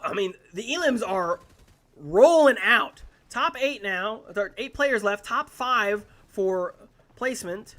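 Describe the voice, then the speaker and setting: An excitable esports caster calls a tournament live, jumping into loud outbursts when big plays happen. The voice sits at a middle pitch and talks into a close streaming headset mic. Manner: excitable, frequent exclamations. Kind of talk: live esports play-by-play commentary.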